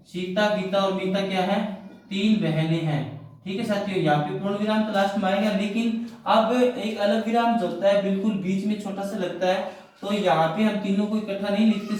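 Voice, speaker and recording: A man's voice: high voice, a little mellow. A man explaining a grammar lesson in a classroom style, often asking questions and answering them himself. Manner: repetitive, asks and answers his own questions. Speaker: teacher. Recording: very echoey room, mic far off.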